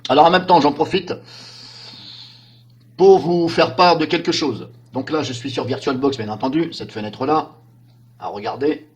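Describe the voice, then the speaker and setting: Chatty husky man narrating a screencast. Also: on the high side, normal speed, long pauses. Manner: chatty, rambling, frequent "hein" and "donc là". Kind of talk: casual screen-recording commentary.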